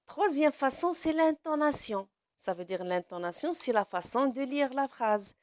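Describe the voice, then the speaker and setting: A woman gives a classroom grammar lesson at a very slow, deliberate pace, in a fairly high voice. She asks her pupils questions and then answers them herself. The sound is dry and close, with no room echo. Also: expressive, darkish tone. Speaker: teacher.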